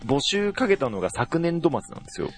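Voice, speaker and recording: A man co-hosting a podcast who talks fast and chatty, with pitch that moves around a lot. Soft music sits faintly under him. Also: sing-song. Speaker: podcast co-host. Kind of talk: casual podcast chat.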